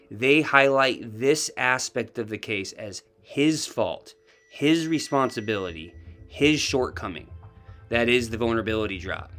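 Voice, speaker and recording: A man's voice: mid-range voice, a bit bright. A man delivering scripted true crime commentary, pressing skeptical questions with pointed emphasis.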